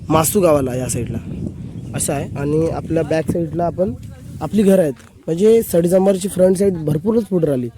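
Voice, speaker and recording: A man's voice: on the high side, dark tone. A young man with a Konkani Marathi accent, hosting a casual vlog outdoors on a rural plateau, chatting and bossing his friends around. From Konkan, Maharashtra. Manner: chatty, bossy, gives instructions to friends. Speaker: vlogger host. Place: outdoors on a rural plateau under a banyan tree.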